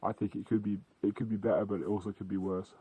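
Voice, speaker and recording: Dry, low-voiced British man chatting casually. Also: flat delivery, fast talker, slightly rough, dry recording, phone-quality sound. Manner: dry humour, sweary, slangy. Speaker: podcast host. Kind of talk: casual rambling chat. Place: outdoors in a field at night.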